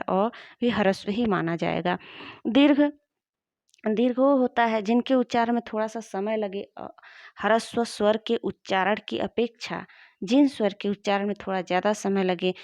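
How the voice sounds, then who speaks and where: A woman teacher walks through a grammar lesson at a steady, patient pace, repeating every point so students can follow. She is recorded up close in a dry room, and the sound is dull and slightly muffled. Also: mid-range voice, dry recording.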